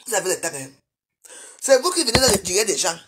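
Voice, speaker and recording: A woman, livestreaming from her bedroom on a phone and scolding her viewers, swinging between loud outbursts and low mutters. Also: big pitch swings, quick pace. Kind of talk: live video rant at viewers.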